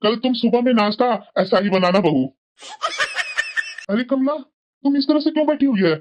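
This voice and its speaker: A woman's voice: a little high, moderate pace, muffled recording, background noise, pitched below the performer's own voice, close to an everyday voice. A woman doing a hearty old father-in-law. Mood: praising. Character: older father-in-law, cheerful. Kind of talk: cartoon voice acting.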